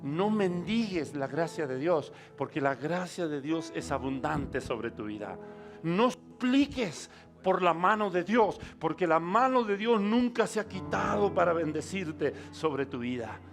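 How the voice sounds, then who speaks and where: A pastor preaching a sermon, speaking straight to the listener and building to loud, emphatic peaks. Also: male voice, on the high side, very animated, measured pace, hardly any pauses, music in the background. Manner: emphatic, addresses the listener directly, swells to loud climaxes.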